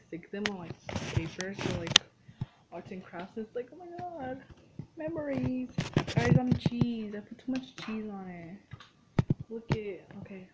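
A young woman from a Mexican family chatting casually while cooking, full of "like" and "dude" and quick to say "ew". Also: a little high, very noisy. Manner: chatty and easily grossed out, lots of "like" and "dude". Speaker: vlogger. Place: dim home kitchen.

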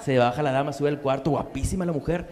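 A man's voice: medium pitch, fast talker, darkish tone. A man doing a crude, slang-heavy stand-up comedy set on stage in a comedy bar. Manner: crude, slangy punchlines with acted-out quotes. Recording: live club with long reverb.

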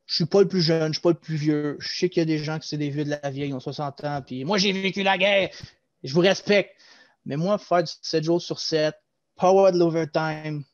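A man's voice: on the high side, no room sound. A young man with a Québécois French accent, explaining things at length and with energy in a casual video-call interview. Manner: animated, explanatory, gestures while talking. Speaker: guest, former loss-prevention agent. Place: small room at home. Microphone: headset. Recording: dull lo-fi video call audio.

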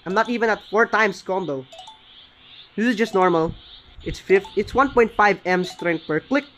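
A man giving casual, excited gameplay commentary, often stopping to correct his own words. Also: high voice, normal speed, a little hiss or hum. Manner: excited, often corrects himself mid-sentence. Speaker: gaming channel host.

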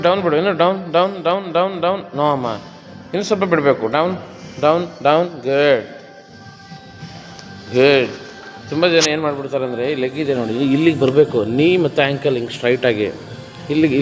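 A man coaching a client through a gym workout, counting reps and coaxing her on. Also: on the high side. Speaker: gym trainer. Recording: echoey room with music behind.

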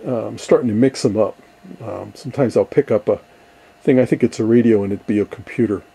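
In a cluttered basement workshop, an older man who hosts videos about his ham radio hobby gives an easygoing show-and-tell. His voice is low, creaky, dark and slightly rough, and he talks fairly quickly in a rambling, hesitant way.

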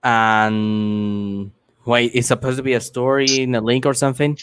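A young man chatting casually on a livestream, relaxed and amused. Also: mid-range voice, unhurried, smooth, no room sound. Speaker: livestream host.

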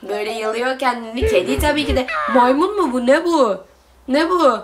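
A woman hosting a gaming video, giving excited let's-play commentary and constantly calling out to her viewers. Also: sits high, normal speed, background noise. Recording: loud game music behind.

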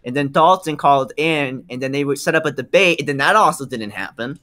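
Bright-voiced joking host. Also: male voice, a little high, brisk, a little hiss or hum. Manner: joking, banters and laughs. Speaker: show host. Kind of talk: casual podcast panel chat.

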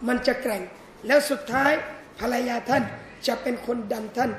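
A man giving a lively, joking Islamic lecture to an audience in a hall. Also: very high voice, normal speed. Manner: animated, joking, addresses audience as brothers and sisters. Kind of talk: lively religious lecture on marriage. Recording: echoey hall with faint ambience.

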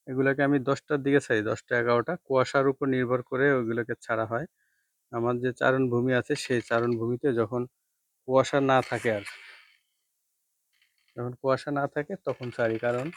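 A man who runs a goat farm, giving a casual walking tour of his shed and speaking quietly so he does not wake the goats. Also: medium pitch, no room sound. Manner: speaks softly to avoid waking the goats.

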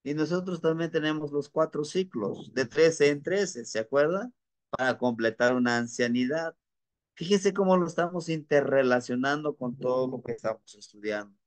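A language teacher gives an online class lecture in a slightly high voice at a moderate pace, with no room sound. He's patient and repetitive, repeating words and checking in with listeners by asking "¿no?".

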